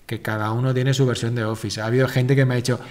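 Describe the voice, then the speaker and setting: A man's voice: medium pitch, flat delivery, quick pace, a little mellow. A man hosting a casual live stream, answering viewer questions in a rambling, self-correcting, informal way.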